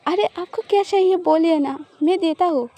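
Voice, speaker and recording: A woman's voice: extremely high pitch, moderate pace, warm tone, pitched above the performer's own voice. A woman voicing a shy, easily flustered young woman in love, reading an audio love story.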